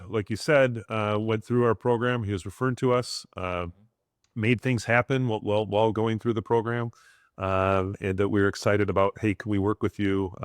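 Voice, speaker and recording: A man's voice: lowish voice, clear, resonant tone, dry recording, clean studio sound. A man co-hosting an insurance agency podcast, talking casually with lots of fillers and restarts. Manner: rambling, many fillers and restarts.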